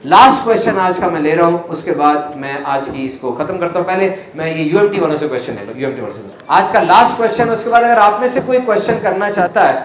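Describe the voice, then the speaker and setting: A man giving a live motivational talk on stage, animated and quizzing the audience playfully. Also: high-pitched, few pauses. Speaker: motivational speaker. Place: stage at a live event hall. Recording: echoey hall.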